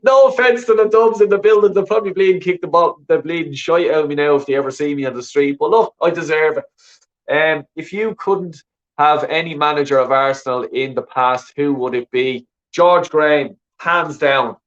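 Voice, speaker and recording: On a dull lo-fi recording, a man from Ireland with a Dublin accent runs a call-in show, working through viewer comments in a sweary, rambling way full of "you know what I mean." He speaks at normal speed in a fairly high pitch.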